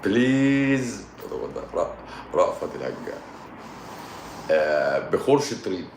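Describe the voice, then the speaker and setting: A man's voice: low-pitched, animated, fast talker. A man with an Egyptian Arabic accent hosting a casual livestream, reading viewer comments, joking, chuckling and repeating his phrases. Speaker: live-stream host answering viewer comments. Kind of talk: casual live-stream chat. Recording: echoey room with background noise.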